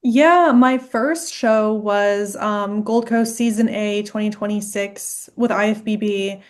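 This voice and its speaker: A young woman chats as a podcast guest, reflective and talkative. She leans on "like" and little fillers as she recalls her experience, in a mid-pitched, ordinary speaking voice. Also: slow. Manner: chatty, reflective, heavy use of "like". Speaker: guest client, first-time competitor. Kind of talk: casual podcast interview.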